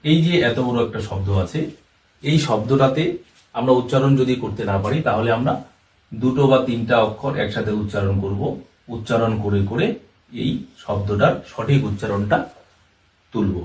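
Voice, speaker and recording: Male teacher giving a slow, repetitive lesson, recorded from a distance in a reverberant room. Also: medium pitch, a little mellow. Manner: slow, step-by-step, repeats terms and examples. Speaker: English teacher. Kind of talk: classroom-style lesson explanation. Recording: roomy echo, voice from far off the mic.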